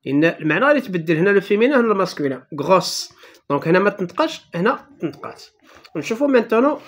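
A teacher with a Moroccan Arabic accent who explains a primary-school French lesson patiently and step by step, reading French words slowly and then explaining them at a quick clip. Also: medium pitch, slightly rough.

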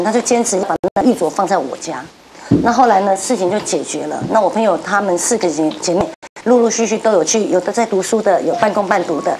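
A woman's voice: mid-range voice, a little mellow, a little hiss or hum, rough recording. A woman in her forties on a talk show, animatedly telling a story and acting out the voices. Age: 40s. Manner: acts out voices and gasps while telling a story.

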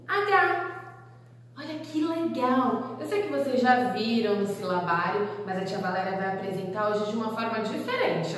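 A woman's voice: fairly high pitch, distant mic, a little hiss or hum. Sing-song woman teaching children. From Brazil. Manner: sing-song, encouraging, slow and drawn out for children. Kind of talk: children's handwriting lesson. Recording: echoey room, voice from off-mic.

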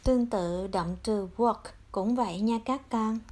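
Slow, patient Vietnamese woman teacher. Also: a little high, darkish tone. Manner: calls herself teacher, addresses pupils as children, drawn-out example words. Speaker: English teacher. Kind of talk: slow, patient grammar lesson for children.

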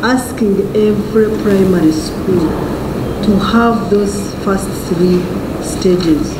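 Woman MP, unhurried reflective remarks, noisy roomy chamber. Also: mid-range voice. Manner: slow, reflective. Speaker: member of parliament. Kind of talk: committee remarks. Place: parliament committee room. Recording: noisy echoey committee room.

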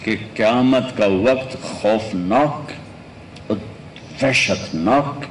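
A male preacher telling stories in a sermon, swinging between loud, raised lines and soft, low ones. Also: a little hiss or hum, low-quality recording. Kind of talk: storytelling sermon.

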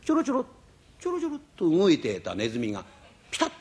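A man telling a comic rakugo story with lively playful asides. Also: fairly high pitch, very fast.

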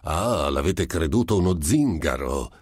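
A man reading the part of a cautious doctor who tries to calm others with careful words. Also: sits low, normal speed, dry recording, studio quality, pitched above the performer's own voice. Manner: soothing, careful. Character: cautious, placating male doctor.

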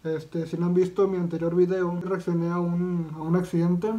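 A man's voice: high-pitched, little pitch movement, moderate pace, dark tone, dull audio. A man with a Mexican accent doing casual reaction commentary as a video vlogger, talking in a slangy, profane way with lots of fillers and restarts.

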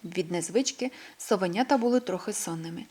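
A woman reading a children's story aloud in a gentle, expressive way. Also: on the low side, fairly quick.

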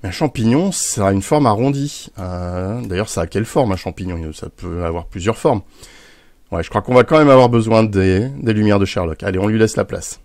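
Low-voiced chatty man explaining a game. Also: moderate pace, a little mellow, no room sound. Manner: hesitant, frequent fillers, chatty. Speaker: video game tutorial host. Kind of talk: screen-recorded game tutorial.

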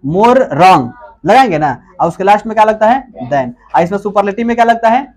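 A man teaching English grammar in a classroom-style lecture, who keeps asking questions and answering them himself and repeats key words slowly. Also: high-pitched, very animated, a little mellow.

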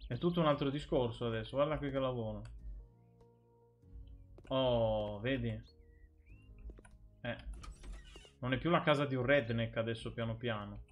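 A man's voice: medium pitch, measured pace, pauses often, dull audio, soft background music. A man streaming a game live, chatting and joking with his viewers as he plays. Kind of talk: casual live gameplay commentary.

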